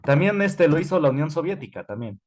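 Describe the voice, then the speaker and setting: A man's voice: on the high side, big pitch swings, fairly quick, a little mellow, slight background noise. A male history teacher, lecturing an online class in a conversational way, with many fillers and self-corrections. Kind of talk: online class lecture while typing notes.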